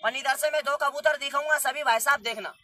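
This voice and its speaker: A young man performing as a street magician, barking patter loudly at a gathered crowd outdoors. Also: very high-pitched, brisk, no room sound. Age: young adult.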